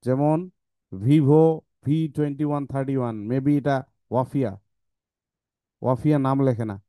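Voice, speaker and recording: A man's voice: mid-range voice, steady tone, moderate pace, dark tone, no echo, clean studio sound. A man teaching English to children in a live online class, mixing Bengali with English words and drilling words for the class to repeat. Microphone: video call.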